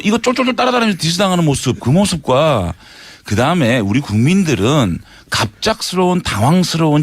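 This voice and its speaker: A man's voice: a little high, breathy edge, no room sound. A man speaking as a presidential candidate in a mock debate, pointed and needling in his questions. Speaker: debate panelist. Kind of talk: mock debate role-play.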